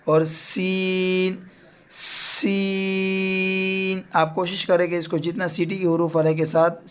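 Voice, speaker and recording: A man with a Pakistani Urdu accent teaching Quran letter pronunciation to children, stretching out each letter sound between explanations. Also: on the high side.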